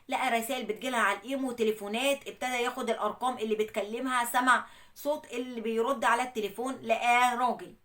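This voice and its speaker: A woman with an Egyptian Arabic accent narrates a viewer's personal story as the show's host. Her voice sits high and the words come quickly. She keeps the telling lively by voicing what each person said. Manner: animated retelling with quoted dialogue. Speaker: host retelling a viewer's problem. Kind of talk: storytelling monologue.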